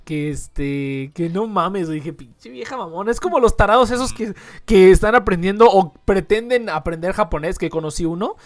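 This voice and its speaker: A woman's voice: medium pitch, animated, moderate pace, few pauses, no echo. A young woman with a Mexican accent hosting a livestream, chatting and ranting casually, swearing freely and tagging her sentences with questions. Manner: slangy, swears freely, tags phrases with questions. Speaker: livestream host. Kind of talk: casual ranting chat with a guest.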